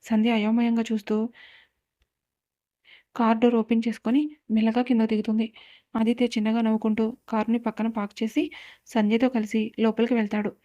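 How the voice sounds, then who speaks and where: Woman storyteller, high and flat. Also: a little fast, long pauses. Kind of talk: serialized story narration.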